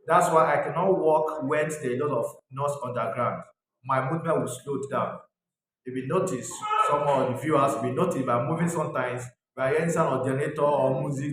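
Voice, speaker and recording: A Nigerian man earnestly telling his life story as an interview guest, speaking plainly. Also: mid-range voice. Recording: echoey room, distant mic, crowd noise.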